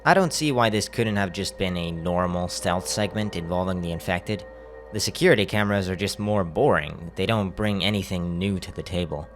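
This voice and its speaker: Lowish guy doing a game critique voiceover, blunt and sweary, quiet music under it. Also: normal speed. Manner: casual, blunt, swears freely. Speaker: video essay narrator.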